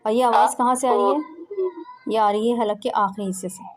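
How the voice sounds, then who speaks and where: Patient woman teaching throat sounds. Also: fairly high pitch. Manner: patient, explains step by step and demonstrates throat sounds. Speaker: Quran pronunciation teacher. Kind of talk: informal home lesson on letter sounds. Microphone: home recording, phone.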